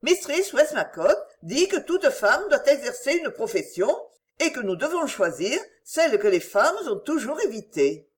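A woman voicing a calm, earnest young woman, the eldest daughter, speaking matter-of-factly in a storybook reading. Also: sits high, measured pace, voice pushed up. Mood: enthusiastic.

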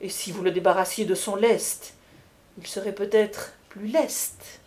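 A woman's voice: mid-range voice, fairly even intonation, a little slow, dark tone, close to an everyday voice. A woman voicing a tender, scheming young courtesan in an audiobook reading, in a coaxing, intimate way.

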